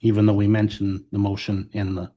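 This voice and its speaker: A man's voice: lowish voice, monotone, fairly quick, mellow, a little hiss or hum. A man serving as deputy mayor, asking procedural questions at a council meeting.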